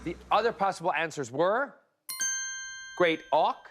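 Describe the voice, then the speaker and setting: Lively male quiz show host. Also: high voice, a little slow. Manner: upbeat, playful, teasing contestants. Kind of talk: lively game show hosting. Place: TV studio with live audience. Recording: broadcast studio with music and crowd. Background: music and studio crowd.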